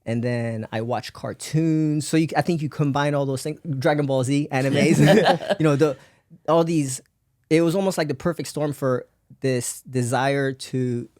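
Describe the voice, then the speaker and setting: A man's voice: a little high, measured pace, darkish tone, no echo, studio quality. Rambling man telling his life story. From raised in Belgium. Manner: rambling, laughs often, many fillers. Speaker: podcast guest. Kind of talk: casual life-story interview.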